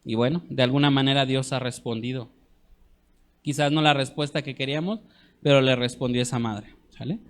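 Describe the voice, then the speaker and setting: A man teaching a church discipleship class, earnest, often checking in with his listeners and slowing down to stress scripture. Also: mid-range voice, steady tone.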